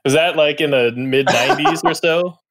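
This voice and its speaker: A man's voice: fairly high pitch, moderate pace, a bit bright. Jokey man co-hosting a podcast. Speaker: podcast co-host. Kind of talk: interview chat.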